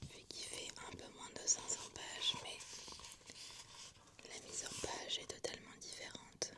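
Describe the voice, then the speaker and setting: Woman whispering softly in ASMR library hush. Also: a little slow. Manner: soft, hushed, unvoiced whispering throughout. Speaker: book vlogger presenting a reading list. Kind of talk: ASMR whisper, library-like hushed book presentation.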